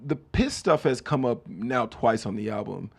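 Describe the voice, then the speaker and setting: A man hosting a comedic podcast, riffing on lyrics with animated energy. His voice has a gravelly, fry-edged texture at a middling pitch. He drifts between low mutters and loud bursts. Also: normal speed. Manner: animated, riffing, mock-voices quoted lines. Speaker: podcast host. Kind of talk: comedic solo podcast chat.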